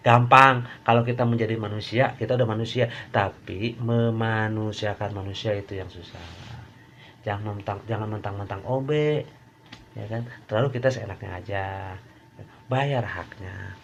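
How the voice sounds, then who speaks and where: A man's voice: lowish voice, moderate pace, gravelly, a bit bright, muffled recording, a little hiss or hum. A man who is an Islamic preacher, giving an informal, joking sermon with frequent rhetorical asides to his listeners.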